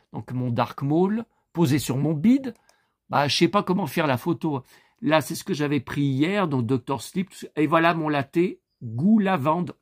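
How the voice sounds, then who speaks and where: Chatty man, lively voice. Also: on the high side, dry recording, studio quality. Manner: chatty, exclaiming, repeats himself. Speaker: vlogger showing purchases. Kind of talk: casual chat to camera.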